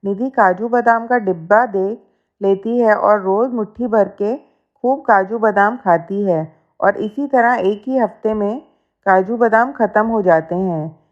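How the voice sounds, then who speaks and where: A woman telling a family story as narrator, in a steady, plain storytelling manner. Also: mid-range voice, unhurried. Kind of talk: scripted narration. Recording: dull lo-fi recording.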